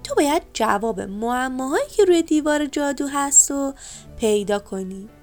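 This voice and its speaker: A woman voicing a wise little bee who guides and gently scolds, speaking patiently in a storybook tale. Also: sits high, expressive, soft background music. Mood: instructive.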